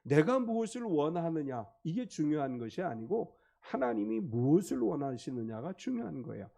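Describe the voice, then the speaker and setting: Gravelly, animated male preacher. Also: on the high side, moderate pace. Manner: explanatory, emphatic, acts out quotes. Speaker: pastor. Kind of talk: sermon.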